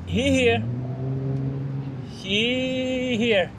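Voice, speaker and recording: A high-voiced fishing vlogger talks very slowly but animatedly from his small boat on a river, cheering fish on and speaking to viewers. Recorded by a camera mounted on the boat, the audio is noisy with traffic and outdoor sounds.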